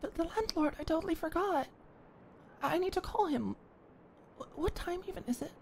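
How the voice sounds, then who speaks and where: In an ASMR roleplay, a young woman with a high, expressive voice performs a one-sided dialogue close to the mic, shy, flustered, and stammering, sometimes easing into a soft whisper. A gravelly fry sits under her voice, with faint ambient sound and a little hiss or hum.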